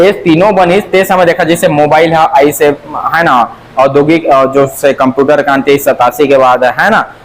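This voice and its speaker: Man, Chhattisgarhi accent, coaching teacher, sing-song repetition, slightly high voice, faint background noise. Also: low-quality recording. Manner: repeats drill phrases in a sing-song chant; asks and answers his own questions. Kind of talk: exam-prep lecture.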